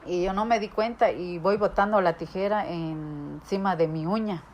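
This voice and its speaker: A woman's voice: lowish voice, normal speed. A woman preaches a sermon in a church hall. She tells stories from her own life and acts out the voices she quotes. A faint noise runs under the recording. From Guatemala.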